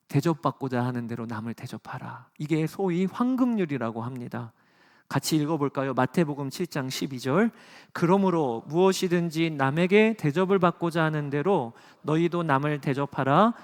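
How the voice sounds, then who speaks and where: Earnest middle-aged man preaching a sermon. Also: on the high side. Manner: swings between loud emphatic peaks and soft hushed lines; earnest, personal storytelling from the pulpit. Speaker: pastor.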